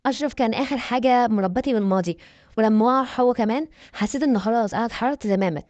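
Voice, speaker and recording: A woman's voice: a little high, racing, darkish tone, dry recording, muffled recording. A woman with an Egyptian accent dramatically narrating a first-person story. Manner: dramatic, emphatic.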